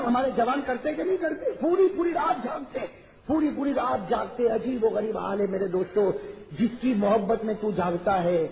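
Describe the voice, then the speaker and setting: A man preaches to a gathering in a very high voice, swinging between shouted lines and slow chanted recitation. The sound is thin and phone-like, with a roomy echo. A crowd of listeners is clearly heard behind him. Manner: animated, rising to shouts and slowing to recite Arabic. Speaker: Islamic preacher. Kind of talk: Urdu sermon storytelling to a gathering. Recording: tinny lo-fi, echoey hall with crowd.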